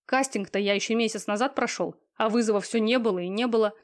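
A woman's voice: fairly high pitch, fast talker, close to an everyday voice. A woman voicing a smug, cold, lazy young man in an audiobook, talking in an offhand, sneering way with coarse slang. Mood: boastful. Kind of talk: audiobook reading.

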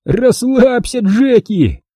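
A man's voice: high-pitched, big pitch swings, moderate pace, warm tone, husky, no room sound, studio quality, voice pushed up, full character voice. A man voicing a cocky boy who boasts and teases in a raised voice. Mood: mocking. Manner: boastful, teasing. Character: cocky mocking boy show-off.

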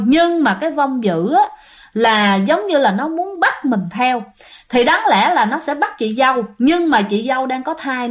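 Chatty Southern Vietnamese woman storyteller. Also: a little high. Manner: chatty, addresses listeners directly. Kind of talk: ghost story narration.

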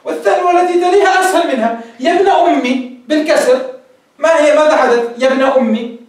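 A man's voice: very high voice, fast talker. A man teaching grammar in a classroom lecture, explaining step by step and quizzing his students. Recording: echoey room, voice from far off.

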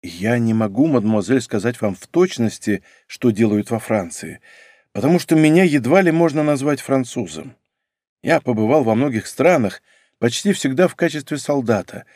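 A man voicing an earnest, reserved young nobleman in an audiobook, speaking quietly and sincerely. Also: medium pitch, lively intonation, moderate pace, no room sound, studio quality, lightly acted. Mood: subdued.

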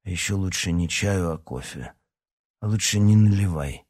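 Man voicing a drowsy hoarse schoolboy, deadpan, audiobook, husky low voice. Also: normal speed. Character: sleepy, hoarse teenage boy.

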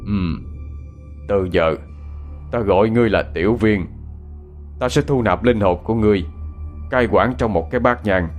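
A man's voice: lowish voice, normal speed, long pauses, soft background music, close to an everyday voice. A man voicing a stern old male Buddhist monk who gives commands during an exorcism.

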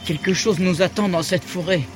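An actor playing a determined, protective explorer captain in a radio drama, firm and commanding. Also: male voice, high-pitched, normal speed, over music, lightly acted. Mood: resolute.

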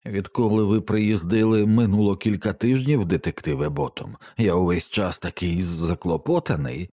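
A man's voice: on the low side, creaky, mellow, no echo, voice pushed up. A man doing a dry, brittle, childlike wasted man. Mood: dreamy. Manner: slow, drifting, childlike. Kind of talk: audiobook character voice.

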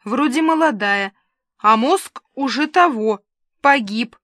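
A woman's voice: on the high side, animated, slow pace, a bit bright, dry recording, clean studio sound. A woman voicing a brash middle-aged father who barks teasing exclamations in an audiobook. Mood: exasperated. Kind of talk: audiobook dialogue reading.

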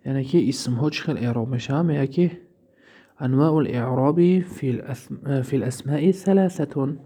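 A man's voice: medium pitch, warm tone, breathy edge. A man with a Tajik accent teaching Arabic grammar from a textbook, asking questions and answering them himself as he reads out examples. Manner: explains by asking and answering his own questions, reading Arabic examples aloud. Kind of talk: recorded lesson explaining a textbook.

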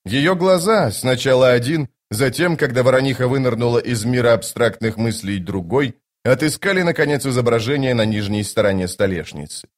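A man narrating a fantasy audiobook from a home recording setup. His reading is measured and even, with a mid-pitched voice typical for a man.

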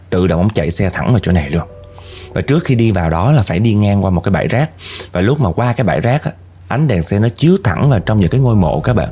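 Lively Southern Vietnamese man telling ghost stories. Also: sits low. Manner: animated, addresses listeners directly. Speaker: storyteller. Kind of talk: casual ghost-story narration.

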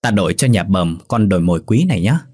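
A man's voice: deep voice, expressive, quick pace, a little mellow, breathy edge, no room sound, clean studio sound. A man voicing a greedy, crafty old village landlord in a folk storybook tale, coaxing and blustering.

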